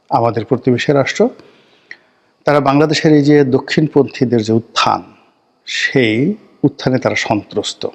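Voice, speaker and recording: A middle-aged man delivers solo political commentary. His delivery is measured and emphatic. He piles up short phrases in lists and slows down to stress key words. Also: medium pitch, gravelly, breathy edge. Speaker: political talk show commentator.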